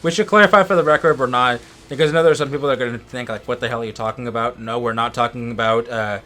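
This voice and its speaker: This man's voice is medium in pitch, racing along with a pushed, bright quality. He's co-commentating a let's play, trading geeky, opinionated, casually profane chat over the gameplay while game music plays.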